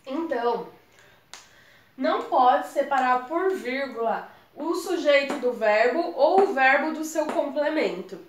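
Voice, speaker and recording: High-pitched brazilian woman, chatty grammar lesson, echoey room. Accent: Brazilian Portuguese. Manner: chatty, addresses viewers as gente. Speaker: exam prep tutor. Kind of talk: casual explanatory lesson.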